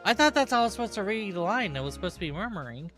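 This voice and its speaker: A man's voice: high voice, sing-song, rapid-fire, fairly bright tone, soft background music. A man streaming a game, reading its dialogue aloud and stumbling, swearing and laughing as he goes. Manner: reads text with stumbles and swearing, laughs often.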